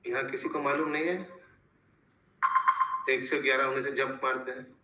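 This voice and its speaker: A man teaching an online scripture class. He leads a slow recitation of verses and then explains them in casual Hindi. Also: medium pitch, fairly even intonation, sharp tone, roomy sound, slight background noise, poor audio. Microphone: video call.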